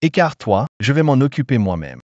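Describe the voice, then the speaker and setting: A man's voice: mid-range voice, sing-song, a little fast, darkish tone, no echo, muffled recording, close to an everyday voice. An actor dubbing an arrogant, short-tempered rich young man in a drama series, curt and scornful. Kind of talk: French dub of a drama series.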